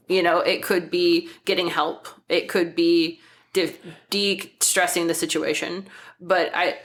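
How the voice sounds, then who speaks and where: Woman in her forties, podcast host, reflective, earnest, lowish voice. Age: 40s. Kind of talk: panel discussion.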